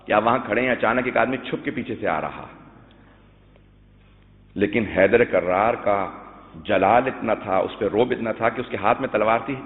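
A man preaching a sermon, telling stories to his listeners and breaking into loud sung recitation of verses. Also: medium pitch. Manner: addresses listeners as dear ones, tells stories. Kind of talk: Shia majlis sermon with sung poetry. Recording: tinny phone-like sound with long hall echo.

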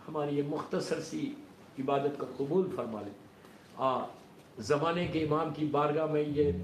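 Male majlis preacher, impassioned sermon delivery with a raised voice, roomy reverb behind him. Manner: impassioned, rising to a wailing cry in the lament. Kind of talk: majlis sermon with mourning recital and supplication. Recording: roomy echo with faint rumble.

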